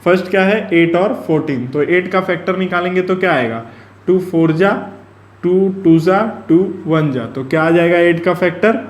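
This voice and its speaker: A man teaching a math lesson, explaining slowly and asking and answering his own questions. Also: high-pitched, a little mellow, dull audio. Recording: echoey room.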